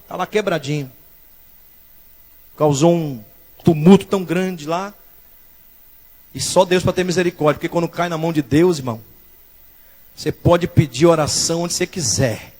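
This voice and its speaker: High-voiced preaching pastor, loud bursts. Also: male voice. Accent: Brazilian Portuguese, São Paulo. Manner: preaching with loud rising bursts and quiet asides. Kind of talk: sermon. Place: church.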